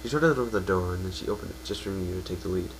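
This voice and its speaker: With a deep voice and a rapid-fire pace, a man performs a dramatic second-person story reading, stumbling now and then and correcting himself. It's a home recording with a faint hum.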